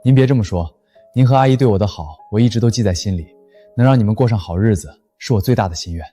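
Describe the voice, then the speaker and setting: A young man playing a steady, generous self-made man who speaks calmly and reassuringly in a drama. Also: fairly low pitch, fast talker, close to an everyday voice. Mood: earnest. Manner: calm, reassuring. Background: soft music.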